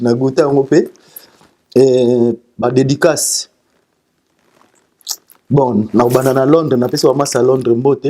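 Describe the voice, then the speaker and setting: His voice is warm and medium in pitch: a singer being interviewed, chatting loosely and sending out greetings. The speech comes haltingly, with frequent repeated syllables and restarts.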